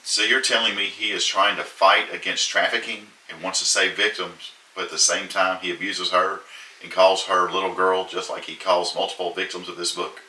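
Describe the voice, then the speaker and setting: Man, lowish pitch, very bright and forceful, laugh-prone read-aloud, echoey room, distant mic. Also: level tone, normal speed. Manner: breaks into laughter while reading. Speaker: host reading book reviews. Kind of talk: reading aloud with casual chat.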